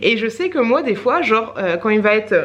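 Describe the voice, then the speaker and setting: A woman's voice: on the high side, lively intonation, normal speed, fairly bright tone, highs cut off. A woman vlogger in her thirties, chatting casually to camera in a rambling way with lots of fillers and little laughs.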